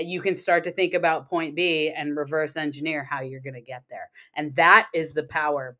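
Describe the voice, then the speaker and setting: A woman's voice: sits low, a bit bright. A woman guest on a podcast, an accountant and financial coach, explaining money matters steadily and building her points in lists. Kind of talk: podcast interview conversation.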